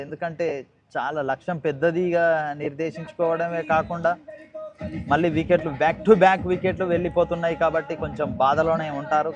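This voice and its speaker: Man, live cricket commentator, Telangana Telugu accent, fairly high pitch, repetitive phrasing, English cricket terms mixed in. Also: dull audio. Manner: repeats and rephrases himself, mixes in English cricket terms.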